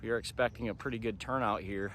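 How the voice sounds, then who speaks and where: A man's voice: lowish voice, fairly even intonation, fast talker, a bit bright. An American man in his thirties talking informally to camera as a vlog host, recapping things conversationally. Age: 30s. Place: outdoors, park path and parking lot. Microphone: phone at arm's length. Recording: faint outdoor background noise.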